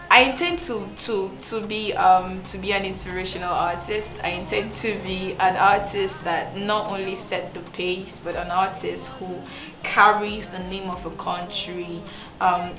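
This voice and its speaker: A woman's voice: fairly low pitch, steady tone, measured pace. A woman from Cameroon, a singer talking earnestly about her career, often restarting and repeating words. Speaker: singer and songwriter. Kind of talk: to-camera interview talk. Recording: echoey room with music underneath.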